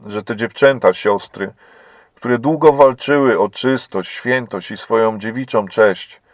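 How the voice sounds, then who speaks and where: A man's voice: on the low side, no echo. A man reading a sorrowful old believing woman. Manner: sorrowful, measured storytelling.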